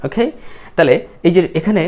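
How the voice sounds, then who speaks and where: A man with a Bangladeshi accent teaching English pronunciation, who repeats each word several times slowly and deliberately. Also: high voice, lively intonation, dark tone. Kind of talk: classroom-style pronunciation lesson.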